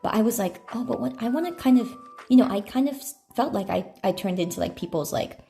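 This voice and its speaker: Eating snacks on a casual livestream, a woman rambles conversationally through her phone microphone in an echoey room at night, soft music playing in the background. She talks quickly with lively intonation, vocal fry, and a mellow quality, describing her own voice as deeper.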